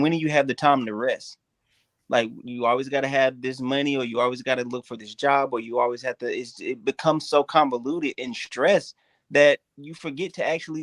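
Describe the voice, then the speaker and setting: A man's voice: medium pitch, no room sound. A young man who serves as a navy sailor, speaking thoughtfully on a church panel. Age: young adult.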